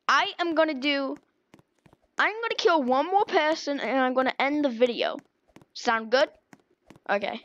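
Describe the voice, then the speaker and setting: A woman giving casual, excitable commentary while playing a video game, with sudden squeals and exclamations. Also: high voice, muffled recording. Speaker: gaming video host.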